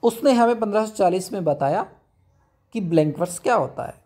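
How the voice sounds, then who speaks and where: A man teaching English poetry, explaining step by step and reading definitions slowly. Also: sits high, expressive, darkish tone. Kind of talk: classroom lecture.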